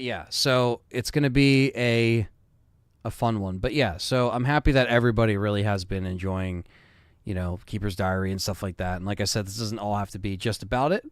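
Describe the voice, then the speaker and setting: A man's voice: on the low side, clear, resonant tone, no room sound. A man in his thirties hosting a live stream, chatting casually and reading viewer comments with loose fillers. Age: 30s.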